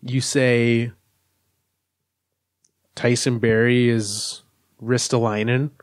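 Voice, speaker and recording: A man's voice: mid-range voice, flat delivery, very slow, no echo, studio quality. A man co-hosting a casual sports podcast, laying out his arguments step by step. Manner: analytical, lays out arguments step by step. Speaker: podcast co-host.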